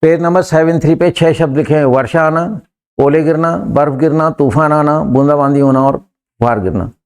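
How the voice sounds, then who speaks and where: A man's voice: a little high, normal speed, darkish tone, clean tone. A man teaching in a classroom, drilling his students on sentences and coaxing them to answer and repeat. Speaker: English teacher.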